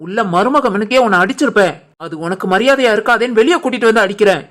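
A woman's voice: fairly high pitch, fast talker, natural voice. Atthai, a woman doing a protective older mother-in-law. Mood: scolding. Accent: Tirunelveli Tamil. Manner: firm, scolding. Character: caring older mother-in-law, protective, stern with her daughter. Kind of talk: animated family cartoon voice acting.

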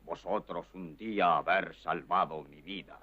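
An actor playing a solemn chief's son in a dubbed western farce, speaking broken film-stereotype speech in infinitives. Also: male voice, deep voice, a little slow, breathy edge. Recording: dull lo-fi film audio.

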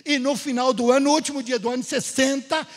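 Brazilian guy preaching a testimony at church, husky voice, big echo in the hall. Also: extremely high pitch, rapid-fire. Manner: storytelling, lively, acts out dialogue. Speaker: Gideon speaker at church. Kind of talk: testimony sermon. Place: church sanctuary.

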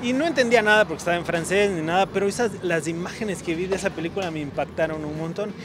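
A man's voice: high voice, fast talker. A man in his thirties with an Ecuadorian accent, answering interview questions in an earnest storytelling way on a city street, into a handheld mic. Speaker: cinematographer, guest. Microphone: handheld microphone held by interviewer. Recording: noisy outdoor street.

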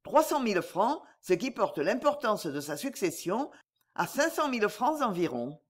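A woman's voice: mid-range voice, big pitch swings, moderate pace. A woman voicing an honest, upright husband in an audiobook, firm and earnest.

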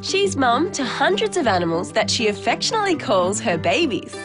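A woman's voice: a little high, big pitch swings, a little fast. A woman presenting a TV segment at a wildlife rescue farm, bubbly and enthusiastic as she asks questions. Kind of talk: upbeat presenting and interviewing. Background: background music.

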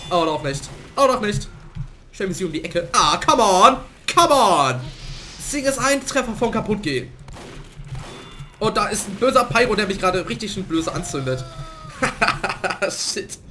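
A young man talks through his gameplay in a lively, up-and-down voice that is a bit hoarse from a cold. He gets loud and excited in bursts, and a faint noise sits under the recording. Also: high voice. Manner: excitable, swings to loud outbursts and laughter. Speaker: gaming let's player. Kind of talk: casual let's play commentary.

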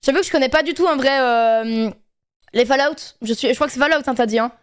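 A woman's voice: high-pitched, quick pace, clean tone. A young woman streaming a game, chatting casually and laughing with friends. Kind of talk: casual gaming chat with friends.

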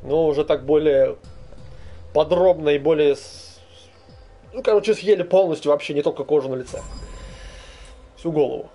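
Young man's higher-pitched casual gameplay commentary. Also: moderate pace, long pauses, mellow, soft background music. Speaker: gamer commentating own play. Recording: faint noise, game sound behind. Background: fighting game sounds.

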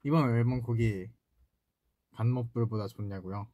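A young man in his twenties, an idol singer, chats playfully on his own livestream from a desk in a small room, reading and responding to fan comments. He speaks at medium pitch with fairly even intonation and a moderate pace, and his mellow voice carries no echo.

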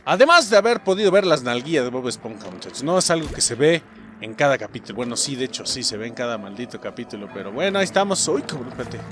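A man's voice: mid-range voice, fast talker, music in the background. A young adult man with a Mexican accent giving casual, profane gameplay commentary and keeping up a running chat with his viewers. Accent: Mexican Spanish. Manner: excitable, profane, keeps addressing the viewers. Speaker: let's play host.

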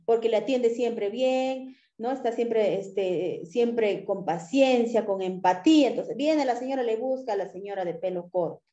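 A woman teaches pharmacy customer service in an animated lecture, often checking in with her listeners. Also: a little high, measured pace, hardly any pauses. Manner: animated, acts out customer exchanges, tag questions. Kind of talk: lively lecture with acted examples. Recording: echoey room, dull lo-fi sound.

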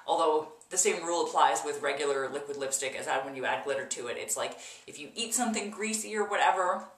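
This makeup tutorial host, a woman in her thirties, has a low-sitting voice with a bit of brightness to it. Talking casually and emphatically to camera, she repeats words for effect, recorded in an echoey little bathroom on a camera mic a short way off.

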